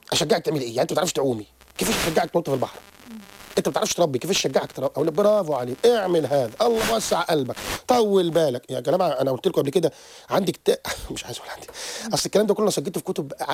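A man, a therapist guest on a radio show who lectures quickly and keeps restarting his sentences. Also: a little high, creaky, slight background noise. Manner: animated, rapid lecturing with frequent restarts. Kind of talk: radio interview explanation. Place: radio studio.

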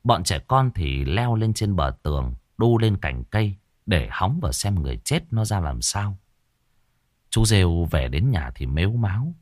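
Male audiobook narrator, low and animated, dry read. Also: normal speed, no room sound. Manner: expressive storytelling. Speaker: storyteller.

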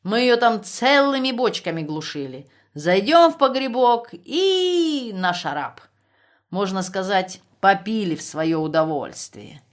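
A woman voicing a drunk, boastful male army officer who talks loudly and blusters. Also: medium pitch, animated, measured pace, close to an everyday voice. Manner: loud, blustering, slurred bragging.

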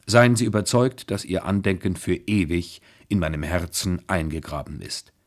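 A man narrating a classic novel as a measured, expressive radio reading. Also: sits low.

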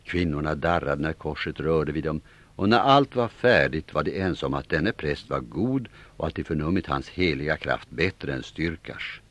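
Low-voiced guy reading an audiobook, lively tone. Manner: expressive storytelling. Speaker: audiobook reader. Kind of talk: scripted narration.

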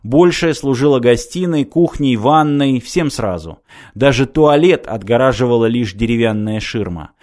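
A man reading a science fiction audiobook in a steady, measured narration. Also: mid-range voice. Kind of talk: scripted narration.

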